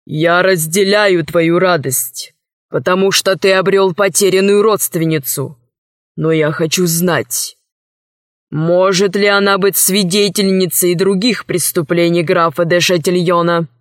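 A grave, noble king speaks in a lowered, measured voice, as a woman reading a storybook puts him on. The sound is dry and close. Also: steady tone, dry recording, close to an everyday voice.

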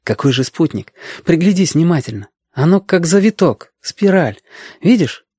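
A man's voice: on the high side, animated, normal speed, darkish tone, husky, no echo, studio quality, voice pushed up. A man reading a story aloud and voicing an eager sixth-grade boy who patiently explains things to a girl. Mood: eager, explaining.

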